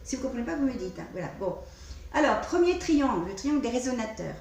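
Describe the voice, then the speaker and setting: A woman singing teacher with a cold explains vocal technique to her students, demonstrating as she goes, talking through gestures and often repeating her words. Her voice is a little high, very animated and fast, with a darkish tone, captured by a distant mic in an echoey room.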